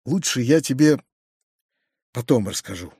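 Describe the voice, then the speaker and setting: A man voicing a kind, excitable middle-aged uncle who gushes, hurries and stammers. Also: mid-range voice, unhurried, slightly rough, no echo, studio quality, voice pushed down, exaggerated voice. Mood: fretful.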